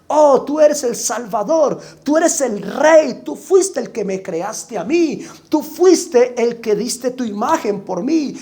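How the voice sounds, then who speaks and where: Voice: mid-range voice, animated, takes it slowly, few pauses, dark tone. Preacher acting out an overwhelmed Samaritan woman. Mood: awestruck. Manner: emotional first-person outbursts. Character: Samaritan woman at the well, adult, awestruck then broken. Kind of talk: sermon re-enactment.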